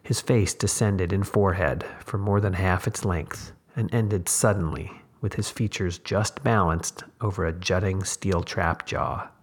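A man who hosts a podcast, reading a short story aloud in a measured, deliberate way. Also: sits low, steady tone, husky. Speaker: podcast host and narrator. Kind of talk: audiobook reading.

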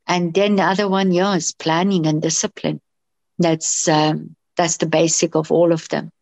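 A woman's voice: low-pitched, level tone, normal speed, gravelly, a little mellow, dry recording. A middle-aged woman from Iran, a doctor and interview guest, who answers with many fillers and restarts.

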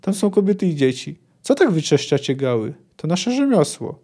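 A battle-hardened woman mercenary, fierce and defiant, hurling her words at her enemies, as a man reads her lines from a book. The voice sits fairly high and sounds mellow. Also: big pitch swings, moderate pace. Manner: defiant shouting. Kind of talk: book reading aloud.

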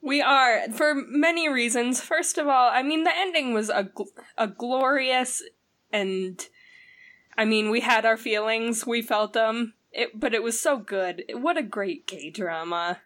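A woman co-hosting a podcast in casual chat, rambling and animated with lots of fillers. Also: fairly high pitch, unhurried. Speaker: podcast co-host.

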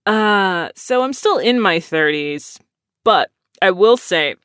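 This late-thirties podcast host answers listener questions casually, wandering off on tangents and joking at their own expense. They speak slowly with lively intonation, and the voice is smooth, middling in pitch, fairly bright, and recorded dry without room sound.

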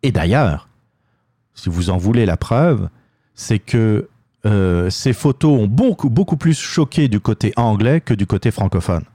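A man's voice: on the low side, animated, unhurried, mellow, no echo. Dry-voiced Québécois man commenting. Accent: Québécois French. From Quebec. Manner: hesitant, many fillers and restarts. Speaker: political commentary host. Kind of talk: opinion monologue.

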